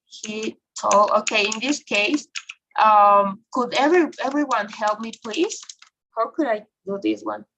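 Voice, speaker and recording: A woman's voice: mid-range voice, unhurried, fairly bright tone, low-quality recording. Female teacher, online lesson, constantly checks in with students, light background noise. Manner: frequent checking questions, filler okay and right. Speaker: English teacher.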